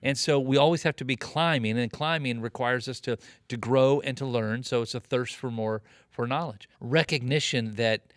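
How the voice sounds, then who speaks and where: A man in his late fifties speaks with a pastor's earnest, emphatic cadence and leans on repetition to drive his points home. His voice sits at an ordinary pitch. It is recorded close and dry, with no room sound. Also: moderate pace, hardly any pauses, no echo. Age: 50s. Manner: earnest preacherly, emphatic repetition, frequent "you know" and "man". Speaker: pastor and guest. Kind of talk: conversational interview on ministry leadership.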